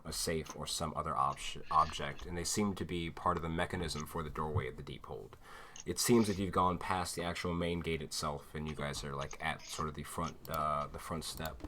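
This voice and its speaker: A man's voice: extremely low pitch, sharp tone, slight background noise. A man narrating a tabletop game as game master, casual and rambling with lots of fillers.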